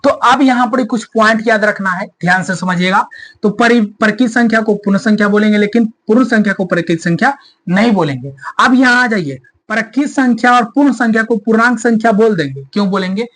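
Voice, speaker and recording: High-voiced man teaching maths. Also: fairly quick, a bit bright. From India. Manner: repetitive teacher's explaining, rhetorical questions. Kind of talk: classroom maths lesson.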